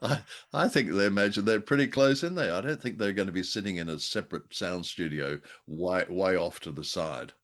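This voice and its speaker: Co-hosting a laid-back radio chat show, this Australian man reviews old radio drama in casual conversation. His voice is low-pitched and a bit bright, brisk with hardly any pauses, and he comes across as wry, jovial, hesitant and long-winded.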